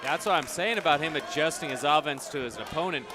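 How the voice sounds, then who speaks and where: A man's voice: fairly high pitch, quick pace. A man doing color commentary at a wrestling match, explaining strategy in casual, chatty phrasing. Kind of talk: live wrestling commentary, conversational analysis. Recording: noisy live event, loud crowd around him. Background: crowd noise of a live wrestling event.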